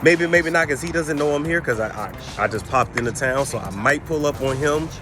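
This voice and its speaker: A man's voice: on the high side, a little fast, music in the background. Rambling slangy man in his thirties. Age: 30s. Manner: rambling, slangy and profane, talks straight to viewers. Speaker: vlogger. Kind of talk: casual vlog chat.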